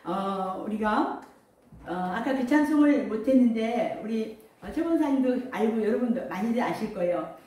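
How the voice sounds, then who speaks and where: A woman's voice: on the high side, lively intonation, normal speed, warm tone. A woman pastor preaching a sermon to her congregation and leading it in call-and-response. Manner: leads congregation in call-and-response, sings hymn lines. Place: large church hall. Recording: very echoey hall, voice from far off.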